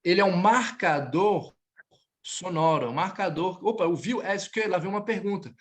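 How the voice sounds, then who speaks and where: A man's voice: high voice, moderate pace. A man from Brazil teaching French in a live online class, patiently drilling students and correcting them. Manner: patient, drills students, switches between languages.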